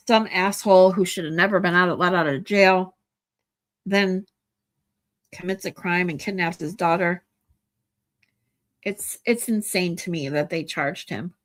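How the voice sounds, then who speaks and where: Talking to her livestream viewers in a loose, rambling way, this woman in her forties has a stuffy nose and keeps restarting and saying um. She speaks a little slowly with frequent pauses, in a fairly low-pitched voice.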